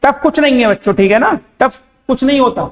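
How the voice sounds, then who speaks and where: A man's voice: extremely high pitch, brisk. A young man teaching a math class with an Indian accent, asking the class questions and answering them himself. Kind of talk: board-exam math lesson. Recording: echoey room with long reverb.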